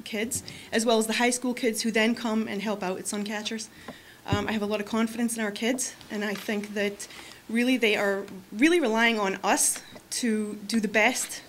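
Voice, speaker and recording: This woman, in her forties, has a slightly high voice and speaks earnestly at a podium mic during public comment at a school board meeting. She restarts often and uses many fillers in the large meeting room. A little background noise can be heard.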